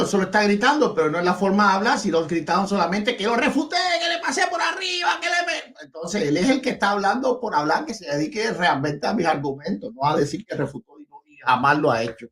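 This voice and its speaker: A man, a pastor, giving a heated, combative debate rebuttal that often rises to shouting and mocks his opponent. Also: high voice, expressive, fast, hardly any pauses.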